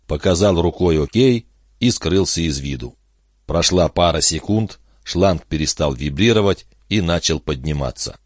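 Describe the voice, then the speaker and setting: A man reads an audiobook in steady, measured scripted narration. His voice is very deep and recorded dry and close. The delivery stays even and unhurried. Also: dry recording.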